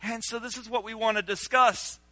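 A pastor who grew up in Senegal preaches an animated sermon, drawing the congregation in with call-and-response. His male voice is high-pitched and at normal speed, with no room sound.

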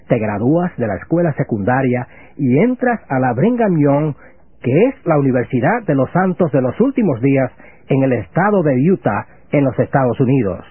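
A man's voice: medium pitch, slightly rough, dry recording. Formal religious radio host, man. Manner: formal, measured, reverent. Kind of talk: scripted religious radio interview. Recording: phone-like lo-fi radio broadcast.

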